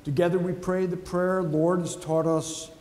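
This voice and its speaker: A male pastor slowly and solemnly reciting liturgical prayers, heard with a long cathedral echo in a large church. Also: high-pitched, little pitch movement. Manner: slow, measured, solemn recitation. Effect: cathedral echo, long church reverb. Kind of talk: liturgical prayer and communion rite. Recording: echoey church hall with faint music.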